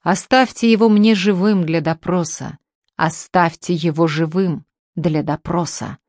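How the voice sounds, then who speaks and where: Woman voicing a nasty officer yelling, barking voice, lowish, dry audiobook sound. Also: flat delivery, measured pace, no room sound. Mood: shouting. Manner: hissing, then shouting.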